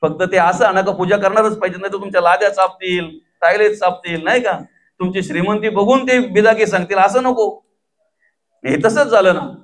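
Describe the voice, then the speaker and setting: A man's voice: high-pitched, a bit bright. A man from Maharashtra telling a devotional story as a preacher, constantly throwing rhetorical questions to his listeners. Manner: rhetorical questions to the audience, call-and-response.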